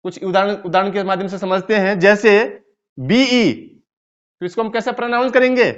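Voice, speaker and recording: A man's voice: sits high, moderate pace, smooth. A man with an Indian accent gives a video lecture on English sounds, spelling out words letter by letter and quizzing his students. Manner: spells words letter by letter and asks the class questions. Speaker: English teacher. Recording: dull lo-fi recording.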